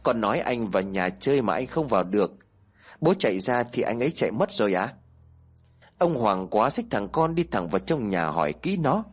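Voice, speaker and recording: Husky-voiced man telling a horror story. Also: medium pitch. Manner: animated storytelling with voiced characters.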